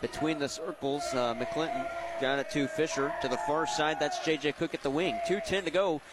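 A male sports announcer with a somewhat high voice calls a live basketball game on the radio. He works in short, clipped phrases, following the ball from pass to pass and shot to shot. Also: fairly even intonation, moderate pace, heavy background noise. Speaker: play-by-play announcer. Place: high school gym, courtside.

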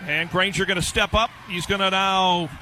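A man's voice: sits high, fairly even intonation, moderate pace, sharp tone. A man calling live football play-by-play as a radio announcer. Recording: stadium noise behind the voice.

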